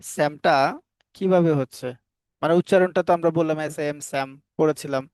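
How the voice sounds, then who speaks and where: A man's voice: a little high, fairly quick, a little mellow, clear, resonant tone, no room sound. Questioning, spelling-out male phonics teacher. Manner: asks the class questions and answers them himself; spells words out sound by sound. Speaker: English teacher. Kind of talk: phonics lesson for Bengali learners.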